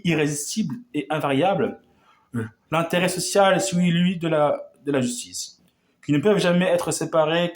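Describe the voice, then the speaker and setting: A man declaiming a historic revolutionary speech in an oratorical manner, often stumbling and restarting his words. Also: fairly high pitch.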